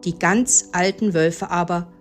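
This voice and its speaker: A woman reading a fable aloud as narrator, in a measured storytelling manner. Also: lowish voice, steady tone. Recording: narration over background music.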